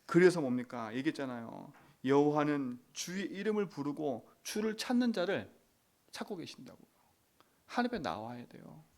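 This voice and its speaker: A man's voice: a little high, vocal fry, darkish tone. A middle-aged male pastor preaching at a dawn prayer service, emphatic, with rhetorical tag questions and whispered prayers.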